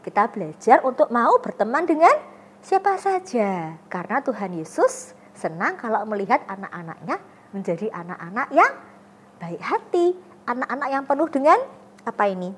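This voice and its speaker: Lively young woman Sunday-school teacher. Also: on the high side, moderate pace, a little hiss or hum. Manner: expressive, asks children questions and answers herself. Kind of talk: animated Bible storytelling for children.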